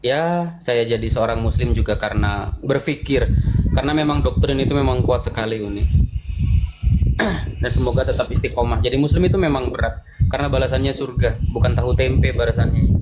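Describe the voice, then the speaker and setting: A man with an Indonesian accent, a panelist on a debate call, speaking in a calm, measured way. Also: medium pitch, heavy background noise. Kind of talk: casual debate talk on a call.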